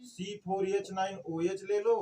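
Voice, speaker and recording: Male chemistry teacher, high voice, coaxing Q&A classroom style, slightly off-mic with faint room noise. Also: little pitch movement, a little slow, far from the mic, a crowd in the background. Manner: questions the class and answers himself, coaxing. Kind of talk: classroom lecture.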